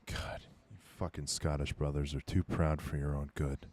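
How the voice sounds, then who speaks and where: A man's voice: a bass voice, level tone, moderate pace, darkish tone, slight background noise. A man voicing a proud, fierce male vampire fighter who talks bluntly and swears. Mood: exasperated.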